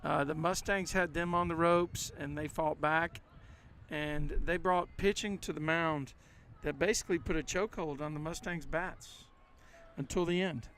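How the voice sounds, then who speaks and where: Folksy man calling high school baseball. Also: normal speed. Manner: folksy, animated storytelling with many restarts. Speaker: baseball commentator. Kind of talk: casual game-day commentary.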